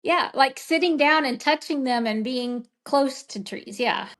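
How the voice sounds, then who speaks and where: A woman's voice: high-pitched, unhurried, a bit bright. A woman in a casual group conversation, talking in a meandering, reflective way with many fillers. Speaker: medium in group session.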